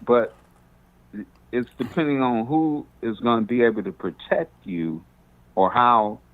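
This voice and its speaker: A man's voice: mid-range voice, expressive, measured pace. A man who is a bishop, calling in over a cell phone speakerphone, talking in a rambling, preacherly way and quoting scripture. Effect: speakerphone on a cell phone call. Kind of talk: casual talk over the phone.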